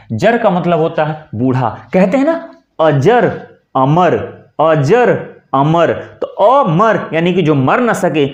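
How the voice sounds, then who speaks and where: A man teaching Hindi in an online lesson, drawing out and repeating words as he explains them. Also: fairly high pitch. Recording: echoey room, dull lo-fi sound.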